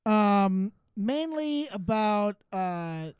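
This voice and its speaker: A man in his forties with a notably high-pitched voice hosts a comedy podcast from a studio. He riffs playfully and repeats his co-host's lines back for laughs. The sound is close and dry, with no room in it. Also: lively intonation, drawn-out words, clear, resonant tone, no room sound. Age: 40s. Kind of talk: casual comedic banter. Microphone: studio microphone.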